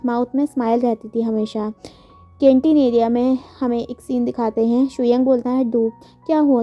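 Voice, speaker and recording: A woman with a high voice reads a fan story aloud, giving every character's lines in her own plain voice and slipping English words into her sentences. The recording is dull and lo-fi, with faint music under her voice. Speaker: fan fiction narrator.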